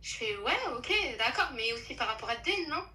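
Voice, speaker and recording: A young woman telling a true story in a casual chat, animated and slangy, with many restarts. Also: fairly high pitch, fairly quick, echoey room, poor audio.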